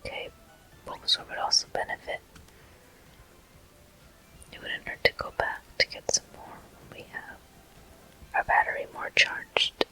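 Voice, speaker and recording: Over soft background music, in a low-quality recording, a whispering host narrates video game play ASMR-style. The voice is breathy, very bright and sibilant, with hardly any voiced tone, and it unfolds in short, deliberate, unhurried phrases.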